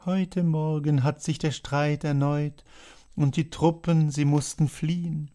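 A man voicing an agitated male writer who loudly reads out a letter in a dramatized audiobook. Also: a little high, steady tone, slow pace, voice pushed up. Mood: declaiming. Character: agitated male literary man announcing news.

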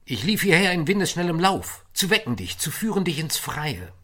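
Man voicing May, exuberant young spring spirit: husky, high and loud, calling out. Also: sing-song, moderate pace, heavily acted. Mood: jubilant.

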